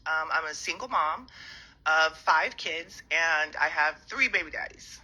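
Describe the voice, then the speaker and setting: A woman's voice: sits low, lively intonation, measured pace, bright, forceful tone, poor audio. A woman who has just woken up, talking to her followers on a handheld phone in a rambling, hesitant way with many ums. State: just woke up, a little winded. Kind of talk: casual morning phone livestream.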